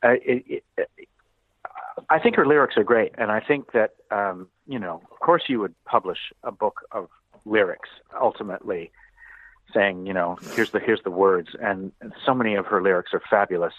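Low-voiced guy rambling on a music podcast, lots of restarts, sounds like it's over a phone. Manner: rambling, halting with many restarts and fillers. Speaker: podcast co-host. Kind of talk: casual music podcast chat. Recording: tinny phone-like audio.

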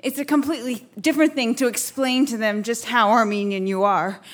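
High-voiced woman telling a playful story. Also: a little fast. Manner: playful and animated. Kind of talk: comic personal story told live on stage.

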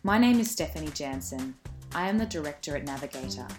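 A woman's voice: deep voice, expressive, fast. A woman from Australia, hosting a podcast and reading an upbeat scripted intro before interviewing her guest. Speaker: podcast host. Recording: music bed under the voice.

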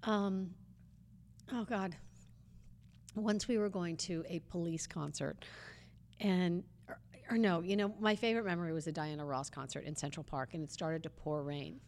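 A woman guest telling lively stories in a casual interview, laughing often and acting out what people said. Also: lowish voice, normal speed, pauses often. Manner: animated storyteller, laughs often, acts out quotes.

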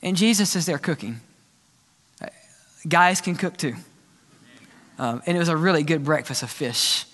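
A man preaching a sermon to his congregation, animated and asking the room questions. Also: a little high, moderate pace, long pauses, long reverb tail. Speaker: pastor. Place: church.

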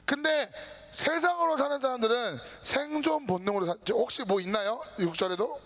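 A man preaching a casual sermon to a youth group, lively and informal, acting out his listeners' worries. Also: very high voice, normal speed. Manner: lively, talks down to students casually, acts out their worries. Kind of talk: sermon to teenagers.

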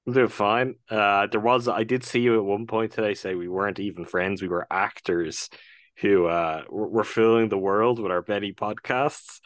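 A man co-hosting a sports podcast, talking in a relaxed, wry way. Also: lowish voice, moderate pace, no room sound. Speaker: podcast co-host. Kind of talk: casual sports podcast chat.

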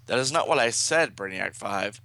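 Man playing solemn female comic-book android, gravelly, fairly low, formal speeches, resigned, dry sound. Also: animated, normal speed, bright, forceful tone, dry recording, exaggerated voice. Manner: formal, declamatory. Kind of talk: comic-book dialogue read aloud.

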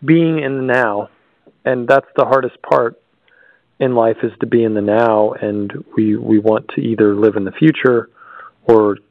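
A man who is a father, co-hosting a podcast and reflecting candidly in a relaxed conversational way. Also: mid-range voice, measured pace, gravelly, no room sound, phone-quality sound. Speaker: podcast co-host.

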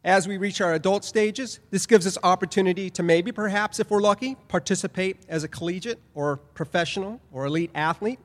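Middle-aged man, lecture presentation, fairly high voice, long hall reverb. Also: a little fast, hardly any pauses, fairly bright tone. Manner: emphatic, repetitive phrasing, speaks to an audience. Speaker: professor giving a conference presentation.

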